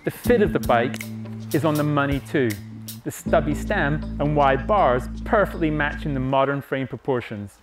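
A man's voice: fairly high pitch, moderate pace. A man, a magazine reviewer presenting a bike and interviewing in a confident, chatty way. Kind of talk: presenter narration and casual interview. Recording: narration over background music.

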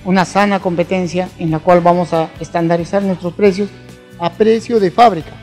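A middle-aged man with a Peruvian Spanish accent, interviewed in a formal hall with a handheld mic, promoting an event with many pauses and fillers. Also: high-pitched, fairly even intonation, a little mellow, soft background music. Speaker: event organizer. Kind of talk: on-camera interview. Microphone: handheld station mic.

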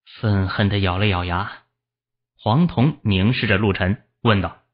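A man reads a fantasy novel aloud as an audiobook narrator, telling the story steadily. His voice is low and somewhat husky, and the recording sounds dull and lo-fi. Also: measured pace. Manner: steady storytelling, voicing the characters.

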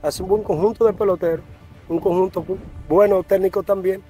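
A man's voice: high voice, steady tone, fairly quick, warm tone, faint music behind. A middle-aged man with a Dominican accent, answering interview questions earnestly outdoors at a ballfield on a lapel mic. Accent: Dominican Spanish. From Dominican Republic. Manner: earnest, repeats himself. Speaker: team general manager. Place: outdoors at a baseball field.

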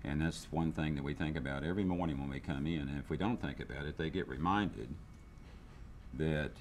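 This older business owner talks a little fast in a rumbling low voice, speaking candidly with frequent restarts and fillers. He's seated for an indoor interview testimonial, picked up by a lapel microphone, with slight background noise.

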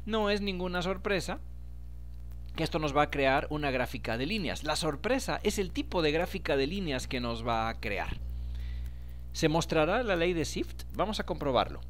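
A man's voice: fairly high pitch, sing-song, moderate pace, a bit bright, slight background noise. A man, explaining a data analysis tutorial step by step and speaking directly to his viewers. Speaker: instructor. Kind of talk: screen-recorded tutorial.

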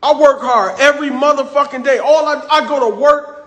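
A landlord, a man, venting in a furious, profane rant, his voice breaking with tears as he swings between shouting and muttering. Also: very high-pitched, a little fast. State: emotionally overwrought, voice breaking with tears.

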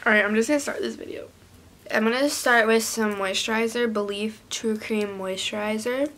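A young woman with a fairly high voice films a casual vlog in a small room. She chats to the camera as the host of her channel, loose and slangy, swearing freely. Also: steady tone, normal speed, a bit bright, slight background noise. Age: young adult. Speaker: video creator, channel host.

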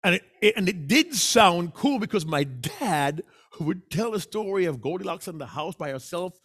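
Man, workshop presenter, very expressive pitch, teaching delivery. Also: moderate pace, husky. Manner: animated, acts out voices. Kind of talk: public speaking workshop talk.

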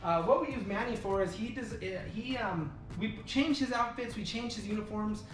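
A man in his thirties giving a relaxed walking tour of his company's warehouse and offices, with frequent fillers. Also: sits high, normal speed, recorded from a distance. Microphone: camera following him, mic at a distance. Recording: echoey rooms, voice a bit off-mic, soft music underneath.

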